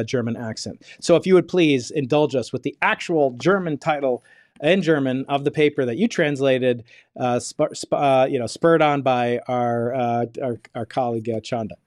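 A man's voice: mid-range voice, no echo. A middle-aged man hosting a podcast interview, chatting loosely with lots of fillers and restarts. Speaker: podcast host. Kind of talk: casual interview chat.

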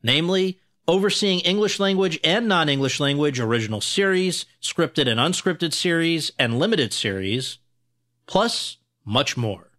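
A man's voice: fairly high pitch, lively intonation, unhurried, a bit bright. A man hosting an awards podcast, reading a formal introduction and then interviewing his guest. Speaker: podcast host.

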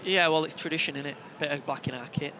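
Deadpan Northern English man, slightly high voice. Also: quick pace. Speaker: football podcast host. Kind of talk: casual banter and announcements. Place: outdoors at a football ground. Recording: noisy outdoor stadium with traffic.

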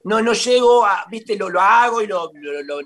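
Argentine man, guest theater columnist, high voice, gushing and repetitive, stumbling restarts. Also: animated, normal speed, fairly bright tone. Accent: Rioplatense Spanish. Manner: effusive, repeats himself, many restarts. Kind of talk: casual interview chat.

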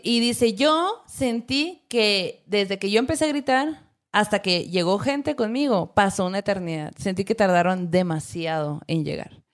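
Mexican woman, podcast host, casual storytelling, slangy, middle pitch.

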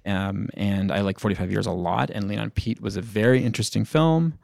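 A man speaking as a film critic on a podcast panel, in casual discussion with halting, restarted phrases. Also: fairly low pitch, gravelly, darkish tone, no echo, clean studio sound.

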